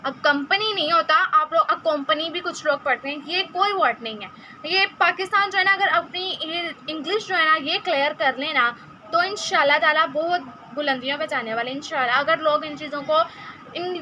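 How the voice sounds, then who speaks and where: A woman with a Pakistani Urdu accent gives an informal English lesson, speaking in a very high, bright voice. She talks in a chatty way and slows right down to repeat each sound as a drill. A faint hiss of noise sits underneath the recording. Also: poor audio. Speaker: English tutor.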